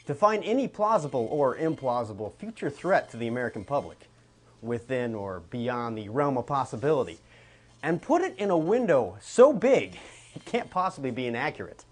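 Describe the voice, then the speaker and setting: A man playing a grandiose government scientist with a husky voice in a mock documentary interview. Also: medium pitch, big pitch swings, normal speed. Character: bombastic male government doomsday scientist.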